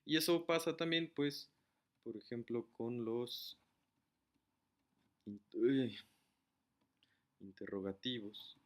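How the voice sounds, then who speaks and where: A man's voice: medium pitch, slow pace, pauses often. Man explaining grammar rules casually. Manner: casual, explains step by step, writes while talking. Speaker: teacher.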